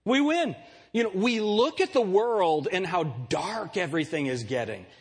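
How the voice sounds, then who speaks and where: Animated pastor, husky voice. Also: male voice, high voice, moderate pace. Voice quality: nasal, light voice. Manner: jokey, animated preaching with rhetorical questions. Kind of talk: sermon.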